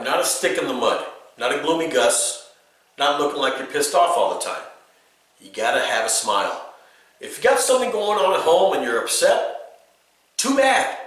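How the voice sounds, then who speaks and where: A man who is an acoustic musician, coaching beginners in a casual, emphatic way and often checking in with the listener. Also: on the high side. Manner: lively, emphatic, keeps checking in with the viewer. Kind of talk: casual spoken instruction. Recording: very echoey room, distant mic.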